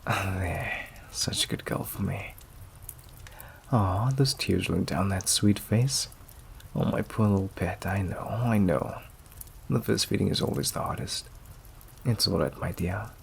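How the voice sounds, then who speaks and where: Steady rain and a little noise underlie this ASMR acting piece, where a man voices a possessive vampire with a deep, gravelly tone. Tender yet gloating, he drawls in a silky, breathy near-whisper, using condescending endearments.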